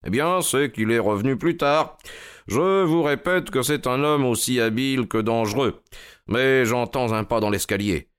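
A man voicing an eager, commanding male detective who speaks briskly and urgently. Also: medium pitch, smooth, pitched above the performer's own voice, lightly acted.

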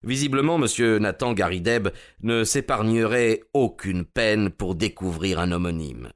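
A man narrating a detective story in a steady, measured way. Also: on the low side.

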